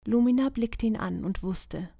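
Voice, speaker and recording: A woman narrating a fantasy story for children in an expressive storybook style. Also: on the high side, normal speed, creaky, no echo, studio quality.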